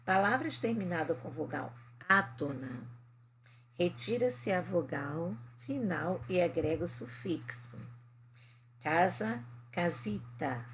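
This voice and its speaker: A woman's voice: on the low side, expressive, a bit bright, a little hiss or hum. A woman with a Brazilian Portuguese accent, teaching a recorded remote class and explaining step by step, often checking in with short tag questions. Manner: slow explaining with frequent "né?" and "tá?" check-ins. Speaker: Spanish teacher.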